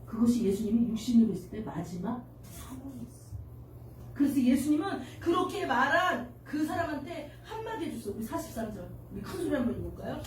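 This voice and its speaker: Woman pastor, high voice, heartfelt sermon, miked from afar in a reverberant church. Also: sing-song, fairly quick, a little hiss or hum. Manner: emotional, tearful at moments, addresses congregation with questions. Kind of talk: sermon to children. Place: church sanctuary. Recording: echoey church hall from far off.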